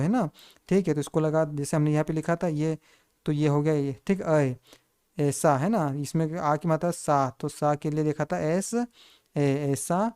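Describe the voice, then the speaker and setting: In this spelling lesson, taught step by step, the teacher keeps asking the listener questions, supplies the answers, and often calls everyone friends. The voice is medium in pitch, dark, clear and resonant.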